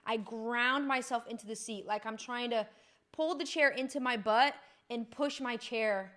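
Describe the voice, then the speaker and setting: A young woman fitness coach with a slightly high, fairly bright voice explains gym technique without rushing. Her casual instructional talk is chatty, upbeat and informal.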